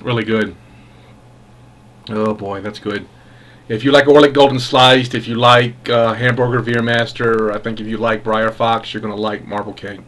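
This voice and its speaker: A man giving a casual product review as a pipe tobacco reviewer, musing in an unhurried, halting way with savoring enthusiasm. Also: fairly low pitch, little pitch movement, fairly bright tone, a little hiss or hum.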